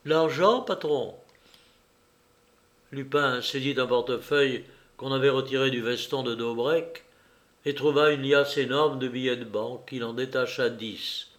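A man narrating a classic novel as an audiobook, in a steady, measured storytelling manner. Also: medium pitch.

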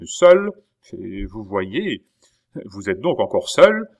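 A man's voice: medium pitch, lively intonation, measured pace, pitched above the performer's own voice, close to an everyday voice. A man reading an audiobook and voicing an irascible old aristocratic father who scolds and exclaims. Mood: scolding.

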